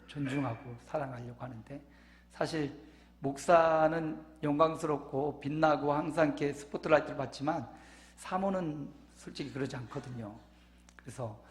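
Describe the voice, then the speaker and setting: A man in his fifties preaching a conversational sermon as a pastor, dropping to soft asides and rising to loud, emphatic passages. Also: a little high. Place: church sanctuary. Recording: echoey church hall.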